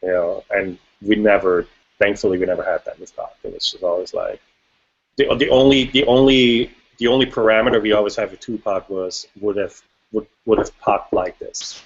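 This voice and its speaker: A man from Switzerland talks casually as an interview guest, rambling and restarting his thoughts. His voice sits low. The recording is dull and lo-fi. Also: moderate pace. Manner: relaxed, rambling, frequent restarts and fillers. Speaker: guest music producer. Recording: dull lo-fi audio.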